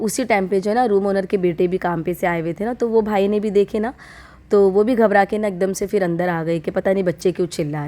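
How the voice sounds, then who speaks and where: An unwell woman in her thirties talks to her vlog audience from home. Her voice is dark and mellow, held at a middling pitch. She chats on in a heartfelt, confiding way. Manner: chatty and heartfelt, speaks straight to viewers. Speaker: vlogger. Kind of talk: casual vlog talk to viewers.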